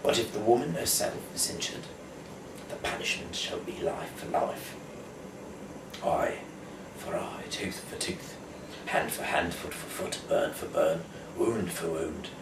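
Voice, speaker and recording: A man from the United Kingdom with a very deep voice talks in a noisy, echoey room. He's a host and amateur Bible reader who rambles casually before reading scripture aloud, halting and stumbling over words, captured on a distant mic with clear background noise.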